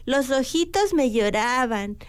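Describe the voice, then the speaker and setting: Brief: a woman playing a high-pitched female seagull, cute diminutives, kids' radio show. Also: animated, slow pace, smooth. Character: female seagull, sore and good-humored. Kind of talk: children's radio character show.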